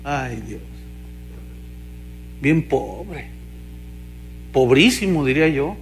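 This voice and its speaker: A man with a Mexican Spanish accent, a pastor preaching a sermon in an animated, mocking way, firing questions at the congregation. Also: medium pitch, very slow, slight background noise.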